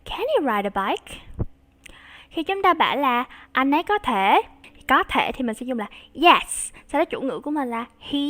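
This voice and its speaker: A young woman teaching English to children. She models short English phrases slowly and explains in Vietnamese, with warm encouragement. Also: high voice. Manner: slow, bright and encouraging with young learners.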